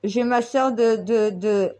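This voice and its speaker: A woman's voice: fairly high pitch, slow, dark tone. A woman vlogger giving a heated, blunt monologue and swearing freely. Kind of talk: casual ranting monologue.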